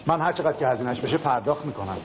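A man's voice: mid-range voice, animated, lightly acted. An actor playing a polite man begging for help with his patient's surgery, in dubbed film dialogue. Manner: polite, pleading. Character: earnest middle-aged man pleading for help. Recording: dull film soundtrack with noise.

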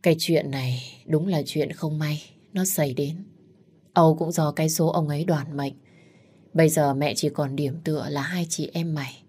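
A woman's voice: low-pitched, steady tone, moderate pace, dark tone, husky. Woman voicing a weary old village mother. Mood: weary, firm. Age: older. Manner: tired, firm, motherly scolding.

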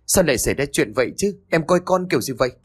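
An angry, worried father shouts in a raised, agitated voice, as a man puts him on. His voice sits high and swings widely as he berates. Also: animated, a little fast.

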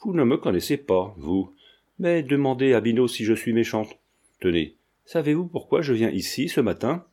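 Chatty, meddling old landlady with a mellow low voice, read by a male narrator in a storybook reading. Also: big pitch swings, moderate pace. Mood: insistent. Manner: talkative, familiar, insistent.

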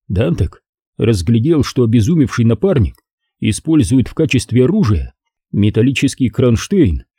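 A man reading a dramatic audiobook with expressive, tense storytelling. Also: medium pitch, husky, dry recording, studio quality. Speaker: audiobook reader.

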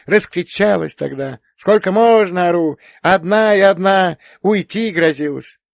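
A man's voice: sits high, measured pace, creaky, dry recording, studio quality, pitched above the performer's own voice. Man voicing a chatty confiding young sister. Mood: confiding complaint. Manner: confiding, animated storytelling.

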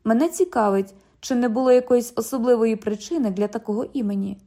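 A woman's voice: fairly high pitch, a little fast, warm tone. A woman reading an audiobook, voicing a formal, patient young male police officer.

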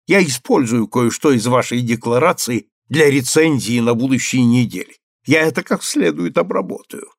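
A man reading an audiobook, voicing an elderly male theatre critic with a creaky voice and a slow, mocking manner. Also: medium pitch, expressive, no room sound, clean studio sound. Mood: scheming. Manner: mocking, drawling.

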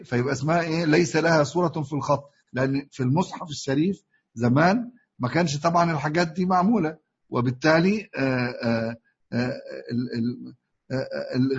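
A man with an Egyptian accent teaching Quran recitation rules, drawing words out slowly, repeating them with many hesitant fillers and often urging his students to pay attention. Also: fairly high pitch, husky. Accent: Egyptian Arabic. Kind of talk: explanatory lesson. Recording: muffled lo-fi recording.

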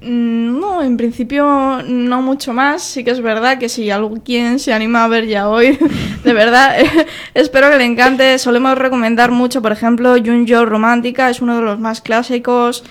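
Girl on local radio, kinda high voice, explaining stuff, trips on words. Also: fairly even intonation, moderate pace. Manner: explanatory, stumbles over words. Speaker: radio guest. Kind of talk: casual radio chat. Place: radio studio.

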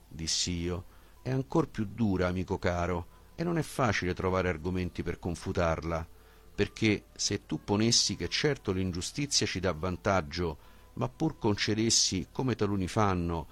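A man reading a philosophical dialogue as an audiobook, with a measured, questioning delivery. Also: deep voice. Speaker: audiobook reader.

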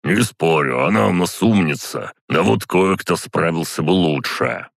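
Stubborn bossy old count, read by a male narrator; slow, indignant delivery, dry booth sound. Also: deep voice, expressive, gravelly, dry recording, full character voice. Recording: dry close studio sound.

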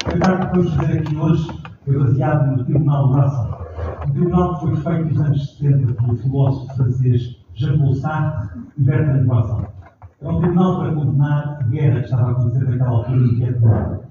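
A man in his forties with a European Portuguese accent speaks in a measured, declamatory stage manner. His voice sits a little high. The recording is dull and noisy, captured from the back of a reverberant theatre. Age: 40s. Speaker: actor and narrator. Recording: echoey theatre hall from far off, dull, noisy.

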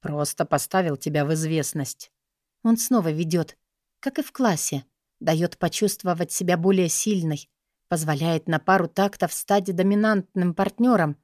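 A woman's voice: medium pitch, darkish tone, no echo, clean studio sound. A woman reading scripted first-person romance fiction as an audiobook narrator, in an intimate, sensual way.

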